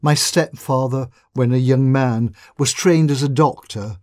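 A man's voice: medium pitch, measured pace, darkish tone, no echo, studio quality, natural voice. A man reading a story, voicing a frightened young woman who pleads urgently for help. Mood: distressed. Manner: urgent, trembling pleas.

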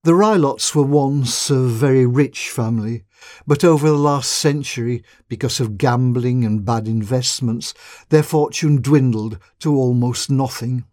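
A man's voice: mid-range voice, a little slow, a little mellow, no room sound, studio quality, lightly acted. A man reading a story, voicing a frightened young woman who pleads urgently for help. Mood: distressed. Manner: urgent, trembling pleas.

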